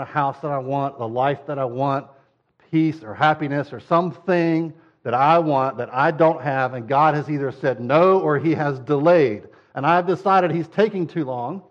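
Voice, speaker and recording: Male pastor, mid-pitched, conversational sermon delivery, slightly muffled sound. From United States. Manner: conversational preaching, acting out whiny quotes.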